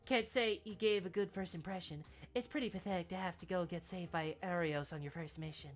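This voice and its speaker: A woman's voice: fairly low pitch, fairly quick, soft background music, natural voice. A woman voicing a rude, cocky veteran rival in game dialogue, brusque and condescending. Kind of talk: video game dialogue read aloud by a streamer.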